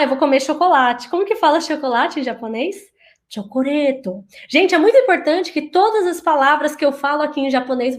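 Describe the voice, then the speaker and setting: High-voiced woman teaching Japanese. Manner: lively, repeats Japanese phrases slowly for learners to imitate. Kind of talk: online language lesson.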